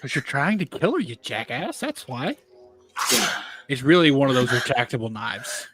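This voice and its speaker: A man's voice: medium pitch, big pitch swings, normal speed, very noisy. A man giving casual, slangy, exclamatory reaction commentary as host of a film watch-along.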